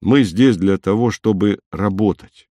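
A man voicing a calm, dutiful young rover driver who speaks matter-of-factly, in a storybook reading. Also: on the low side, normal speed, no echo. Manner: matter-of-fact, slightly apologetic.

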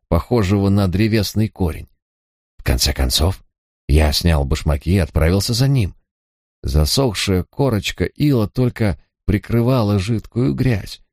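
A man's voice: low-pitched, a little mellow, dry recording, clean studio sound. A man voicing an old male villager and poacher who tells his story in a rambling, mournful way. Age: over 60.

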